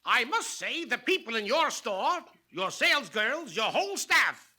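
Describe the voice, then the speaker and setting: A high-voiced, theatrical mystic swami. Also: male voice, sing-song, sharp tone, heavily acted. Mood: genial. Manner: magic-orb mystic incantation, drawn-out and florid. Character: theatrical mystic swami fortune-teller, grandiose and sly. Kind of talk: scripted comic monologue in a retail training film.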